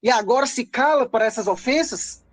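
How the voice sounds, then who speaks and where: A woman with a fairly high, lively voice speaks a little fast, playing a haughty, self-justifying male king of the gods in a pompous, declamatory comedy audio drama. She delivers an indignant scolding, with music playing behind her.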